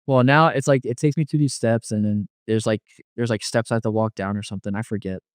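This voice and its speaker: A man's voice: on the low side, fairly even intonation, fast, smooth, dry recording, studio quality. A young man casually recounting a personal testimony, rambling with lots of filler words. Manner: rambling, filler-heavy storytelling full of "like". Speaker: guest telling a near-death testimony.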